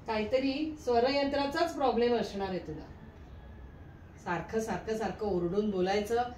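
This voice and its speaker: An older woman in a comic sketch, nagging and scolding her husband at length. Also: a little high. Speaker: wife. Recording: echoey room, mic from a distance, faint noise.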